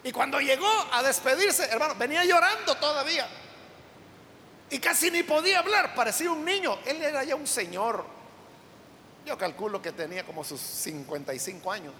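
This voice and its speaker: A male preacher with a very high, bright voice tells a story from the pulpit and turns to the congregation with questions. His sermon echoes through a long church hall, and a faint rumble sits behind it. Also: expressive, normal speed.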